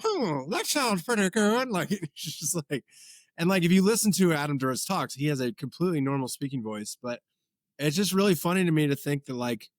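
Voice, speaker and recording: A man in his forties, a podcast guest, chatting casually and telling rambling, animated stories. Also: fairly high pitch, a little fast, dry recording, studio quality. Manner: rambling, animated storytelling with many filler words. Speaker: podcast guest, comedy content creator. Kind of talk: casual chat.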